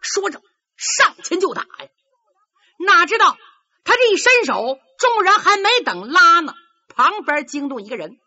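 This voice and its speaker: A woman performs a traditional tale with a high, bright voice that leaps up and down in pitch. Her narration is lively and dramatic. The recording is dull and lo-fi. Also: measured pace. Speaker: storyteller.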